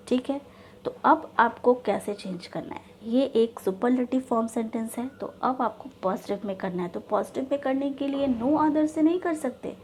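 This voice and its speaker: A woman teaching an English grammar lesson, explaining step by step and reading example sentences out slowly. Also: high voice, mellow, slight background noise. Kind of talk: classroom-style grammar lesson.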